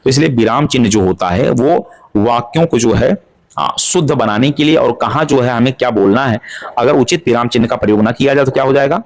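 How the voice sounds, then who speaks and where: A man's voice: medium pitch, fairly quick. A man teaching an exam-prep grammar lesson, asking questions and answering them himself to drill each point. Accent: Hindi-speaking North Indian.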